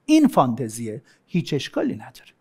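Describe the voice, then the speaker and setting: A man's voice: medium pitch, breathy edge. A man teaching a recorded course in casual, everyday speech, acting out short example scenes as he explains. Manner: colloquial and animated, acting out little scenes. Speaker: sex educator.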